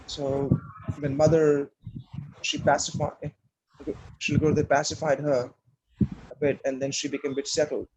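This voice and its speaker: A man giving a devotional talk and telling a story, speaking haltingly and often repeating words as he searches for his phrasing. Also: fairly high pitch, flat delivery, darkish tone, slightly rough, low-quality recording. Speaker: speaker at a temple class.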